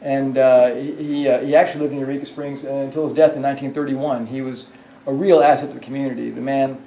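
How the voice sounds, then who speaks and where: With a dark, medium-pitched voice and little pitch movement, a man moves quickly through ghost-tour stories in a hotel hallway, often restarting and filling gaps with filler words. He's recorded from a distance, off-mic, with echo and a faint hiss or hum.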